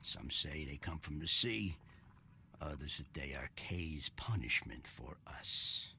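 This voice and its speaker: An actor playing a gruff, wary barkeeper in a game, with a gravelly voice and a blunt manner. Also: male voice, rumbling low, lively intonation, slow pace, sharp tone, full character voice. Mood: grim, wary.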